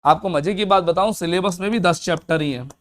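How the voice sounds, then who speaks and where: A man teaching accounts in a fast classroom lecture, asking and answering his own questions. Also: high voice, fairly bright tone.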